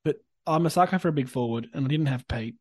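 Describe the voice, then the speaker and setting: A man's voice: a little high, quick pace, darkish tone, breathy edge, no room sound, clean studio sound. An Australian man hosting a podcast, chatting casually and informally about sport. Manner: informal, conversational. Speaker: podcast host.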